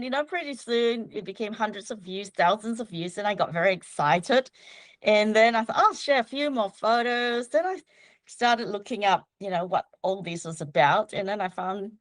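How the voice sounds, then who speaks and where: A woman from Malaysia chats as a guest on a relaxed livestream interview. She talks freely and breaks into laughter often. Her voice sits at a middling pitch, recorded dry and close. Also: dry recording. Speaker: guest local guide.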